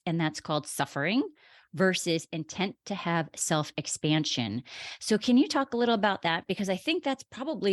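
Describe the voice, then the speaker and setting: Female podcast host, lower voice, easygoing and curious, dry close recording. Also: no echo. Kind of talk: casual podcast conversation.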